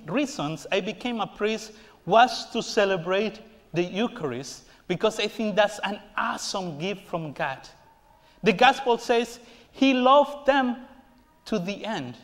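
Slow, high-voiced priest preaching. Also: male voice. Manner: slow, earnest preaching with playful self-mocking jokes. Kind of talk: homily. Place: large church sanctuary, standing before the altar. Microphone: far camera at the back of the church.

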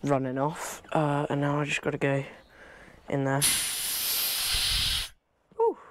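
A young man from England talks his way through a practical task in a cluttered wooden shed. His voice sits a little high and his chat is loose and rambling. A clip-on lapel mic picks him up with a light hiss behind. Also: little pitch movement, takes it slowly. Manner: chatty, rambling, talks while working with hands. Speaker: fishing vlogger. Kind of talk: casual vlog commentary.

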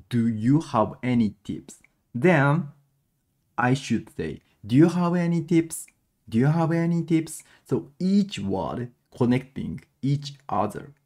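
In a small room at a webcam, a young Japanese man with a Japanese accent teaches live, stumbling through English with many restarts and breaking into quick Japanese. His voice is warm and mid-range.

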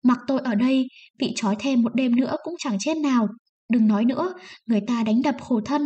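A woman voicing a timid, sick husband who gently urges his wife in a trembling voice. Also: a little high, a little fast, dull audio, close to an everyday voice. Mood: gentle urging.

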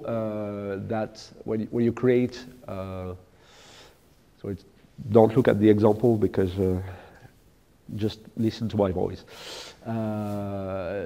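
A man giving a technical keynote talk at a conference, speaking haltingly with many fillers and restarts. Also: on the low side, warm tone. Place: large lecture hall with audience. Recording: echoey large hall.

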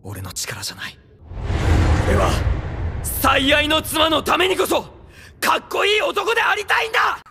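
Intense young anime hero, wildly swinging pitch. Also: male voice, wildly swooping pitch, normal speed, pushed and bright, long reverb tail, faint music behind, full character voice. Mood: impassioned. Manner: intense, resolute. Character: earnest, determined young male anime hero. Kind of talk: Japanese anime acting.

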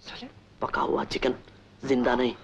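An actor playing a flustered, fussy, bossy young man in a film comedy, with a halting manner. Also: mid-range voice, level tone, gravelly, lightly acted. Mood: bossy, irritated. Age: young adult. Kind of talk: Hindi comedy film acting. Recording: noisy old film soundtrack with clicks.

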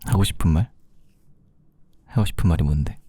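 A man playing a sweet, doting boyfriend in an ASMR role-play, murmuring tenderly and softly to his girlfriend with a breathy voice. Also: low-pitched, normal speed, no echo. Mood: loving, affectionate. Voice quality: soft, breathy. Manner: tender, affectionate, teasing murmur.

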